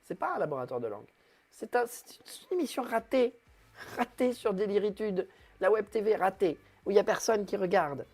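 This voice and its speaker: A man's voice: high-pitched, big pitch swings, normal speed, darkish tone. A man hosting his own web TV show, rambling and self-mocking with many hesitations. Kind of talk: comic solo live stream.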